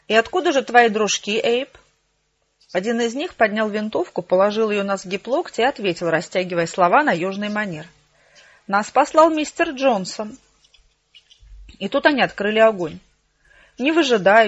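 A woman with a husky voice narrating a first-person audiobook in a dry, wry manner. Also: medium pitch. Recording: slightly dull lo-fi recording.

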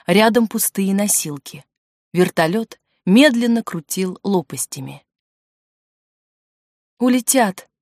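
A woman narrating an audiobook in an expressive storytelling manner, recorded in a studio. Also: fairly low pitch, normal speed, dry recording. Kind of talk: scripted narration. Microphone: studio mic.

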